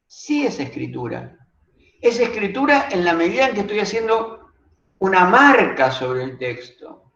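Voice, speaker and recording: A man teaching a workshop class on reading aloud, reflective, often asking rhetorical questions of his listeners. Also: high-pitched. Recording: roomy, dull lo-fi recording.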